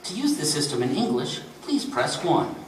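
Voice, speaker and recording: A man's voice: a little high, sing-song, moderate pace, reverberant, distant mic, slight background noise, rough recording. A man reading as a snide automated phone menu. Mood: prim. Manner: clipped menu prompts turning snide. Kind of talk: reading fiction aloud to an audience. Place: convention reading room.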